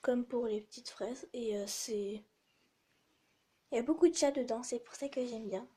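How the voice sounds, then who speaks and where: A teenage girl with a hoarse voice, chatting casually and rambling with many fillers as she shows her collection. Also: a little high, moderate pace. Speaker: vlogger. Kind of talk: casual chat. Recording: loud background music.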